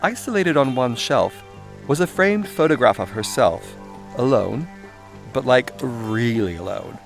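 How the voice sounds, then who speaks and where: This man, whose voice sits in the mid range, sounds animated and unhurried reading his own irreverent self-help audiobook. He plays it theatrical and cheeky, chatting with the listener and adding sweary asides. The narration runs over background music, a composed score and soundscape.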